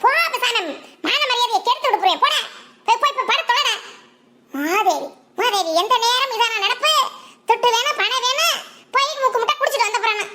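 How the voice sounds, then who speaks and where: A woman's voice: very high voice, expressive, brisk, bright, forceful tone. A woman with a Ramanathapuram Tamil accent voicing village cartoon characters, scolding and laughing in rural slang. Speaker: cartoon voice artist doing every female figure. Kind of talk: village family cartoon voice acting.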